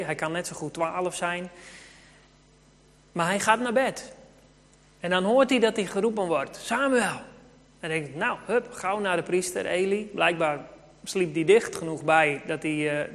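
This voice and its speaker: A preacher delivering a sermon in a storytelling way, speaking to the children as well as the grown-ups. The voice is mid-pitched. It rings with the long reverb of a church hall. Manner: storytelling, addresses children in the congregation.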